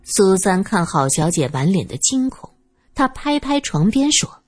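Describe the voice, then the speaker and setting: A woman narrating a story in an expressive, animated storytelling manner. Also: mid-range voice, a little slow, slightly rough, no room sound, soft background music.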